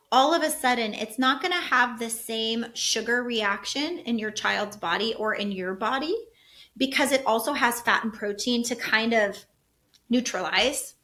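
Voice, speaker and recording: Mom podcaster, kinda high voice, talks fast and animated like she's chatting with a friend. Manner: chatty, animated storytelling, acts out her kids' voices. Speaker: podcast host and health coach. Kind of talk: casual solo podcast talk.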